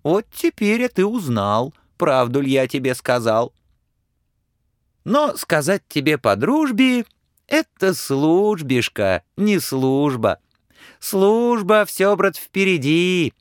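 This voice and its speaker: A man's voice: on the high side, sing-song, slow pace, no echo, clean studio sound, voice pushed up. A man voicing a kind, wise little humpbacked horse in a storybook reading, coaxing and soothing. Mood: advising.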